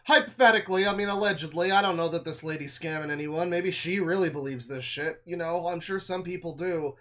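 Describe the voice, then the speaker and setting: A man's voice: on the high side, fairly quick, fairly bright tone. Male streamer, dry sarcastic running commentary, often drops to a mutter. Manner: sarcastic, mumbling asides, swears. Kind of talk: casual reaction commentary.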